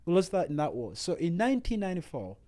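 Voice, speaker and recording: With a high-pitched, mellow voice full of big pitch swings, a Ugandan man of roughly forty talks quickly. His family were Rwandan refugees, and in this podcast interview he gives emphatic personal testimony in an East African accent.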